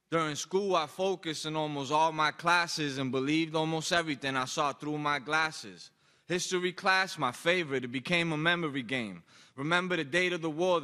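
A young adult man from Boston performs spoken-word poetry live on a large indoor auditorium stage. Into a stand microphone, his bright, forceful, slightly high voice rings out with rhythmic emphasis and long hall reverb.

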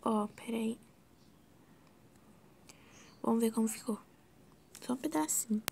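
A woman's voice: fairly high pitch, slow pace, creaky, a little hiss or hum. Brazilian woman half-whispering a tutorial. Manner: chatty and scattered, often dropping to a soft whisper, exclaiming to herself. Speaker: video editing tutorial host. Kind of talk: casual screen-recorded tutorial.

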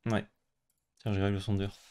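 A man's voice: lowish voice, monotone, fairly quick, a little mellow, smooth. French man, narrates his card plays, grumbly, jokey, casual. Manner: narrates his own moves, grumbling and joking. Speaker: co-host. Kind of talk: casual gameplay commentary.

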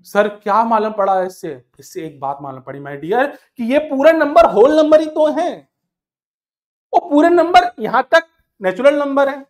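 A man's voice: extremely high pitch, measured pace. Male math tutor, exam prep lesson, keeps firing questions at the class and answering them himself, says my dear a lot. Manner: calls listeners "my dear", mixes English terms into Hindi; counts numbers aloud in steady rhythm. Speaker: math teacher.

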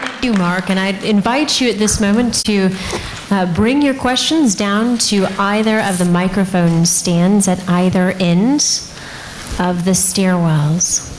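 A woman's voice: medium pitch, a little slow, a crowd in the background, noisy background. A woman moderating a lecture event, inviting the audience to come down with questions in a polite, formal way. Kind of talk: announcing to an audience. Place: lecture hall. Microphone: handheld microphone.

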